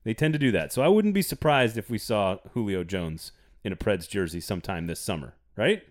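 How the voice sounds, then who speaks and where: With a fairly low, animated voice and a fairly quick pace, a man hosts a casual sports podcast. He keeps things playful and teasing, and he delivers an ad with gusto.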